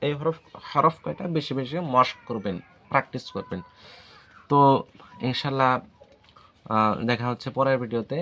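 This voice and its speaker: A man teaching the alphabet in a casual video lesson, patient and hesitant, saying letters aloud slowly one by one. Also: mid-range voice, bright, forceful tone. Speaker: language teacher.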